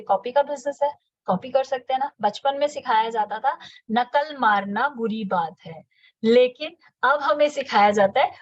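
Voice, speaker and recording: A woman giving a fast, energetic motivational sales training talk, repeating her key words. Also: high voice. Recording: slightly dull lo-fi audio.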